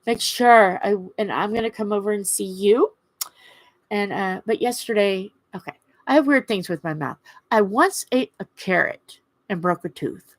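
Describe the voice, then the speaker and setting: A woman chatting casually and haltingly on a livestream, her words slightly impeded by a swollen lip. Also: mid-range voice, dry recording. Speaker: craft livestream host. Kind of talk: casual rambling livestream chat.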